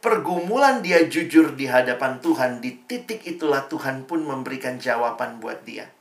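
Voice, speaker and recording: A man's voice: medium pitch, expressive, normal speed, vocal fry. Young man, casual devotional talk, chatty and informal, tag questions, echoey room. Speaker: campus fellowship speaker.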